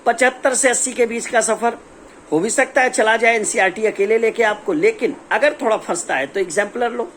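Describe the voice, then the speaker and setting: A man's voice: high-pitched, brisk, a bit bright, slight background noise. A man with an Indian accent, a young adult maths teacher giving a casual exam-prep lesson, chatty and teasing, asking students' questions himself.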